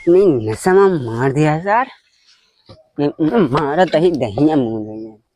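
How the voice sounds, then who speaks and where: A man's voice: on the high side, lively intonation, slow pace, warm tone. A man playing a drunken, muddled village father in a comedy skit, rambling and repeating himself in an Awadhi accent. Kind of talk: rural comedy skit acting. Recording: clear background noise, clicks.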